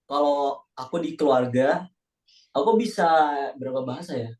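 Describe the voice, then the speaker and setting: Young man, from Indonesia, casual joking chat, relaxed. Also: mid-range voice, moderate pace. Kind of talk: casual chat in a class discussion.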